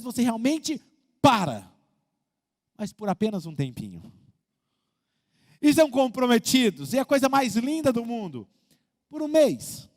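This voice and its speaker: A man preaches a lively sermon, voice pitched very high for a man. He swings between loud appeals and hushed asides while acting out the people he talks about. The sound carries a long reverb from a big church hall. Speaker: pastor. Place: church auditorium.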